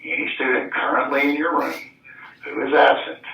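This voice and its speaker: A man's voice: mid-range voice, moderate pace. A man making a firm announcement to teachers over a school intercom, repeating his instructions. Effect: school intercom loudspeaker. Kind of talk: public address announcement. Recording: distant, roomy, dull intercom sound.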